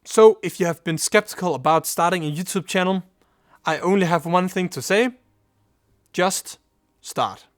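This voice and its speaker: A young native Danish speaker from Denmark, a YouTuber, gives earnest scripted advice to camera on starting a channel. His voice is high and his pace moderate. The recording is dry and studio quality.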